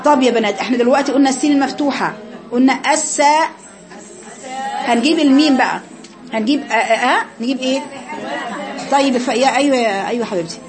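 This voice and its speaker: A woman's voice: sits high, fast talker, long pauses, music in the background, crowd noise. A woman with an Egyptian accent teaching a tajweed class, coaching her students and demonstrating sounds over and over. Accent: Egyptian Arabic. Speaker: Quran recitation teacher.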